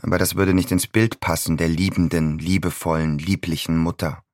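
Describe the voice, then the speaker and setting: A man's voice: low-pitched, level tone, normal speed, dry recording, clean studio sound, close to an everyday voice. An actor in his twenties playing a bitter 26-year-old son stuck in his childhood room, in a sardonic, brooding inner monologue. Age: 20s.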